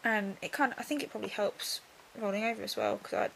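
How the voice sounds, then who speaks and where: A young woman talking casually in a video diary, subdued and drowsy as she recovers from surgery, her voice creaky and breaking into breath. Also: medium pitch, fast talker, a bit bright, a little hiss or hum, low-quality recording. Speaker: vlogger.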